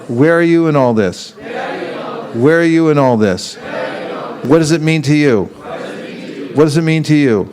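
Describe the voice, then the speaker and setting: A man with a slightly higher-pitched voice is teaching a live seminar. He keeps throwing questions at the room and slips into little acted-out exchanges to show how a conversation goes. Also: expressive, unhurried, long pauses, a crowd in the background. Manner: keeps quizzing the audience with questions; acts out street exchanges in quoted voices.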